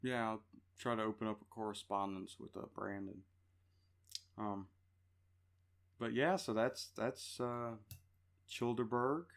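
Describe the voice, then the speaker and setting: A man's voice: on the low side, unhurried, pauses often, smooth. A man co-hosting a podcast in casual chat, joking, laughing often and rambling with fillers. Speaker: podcast co-host.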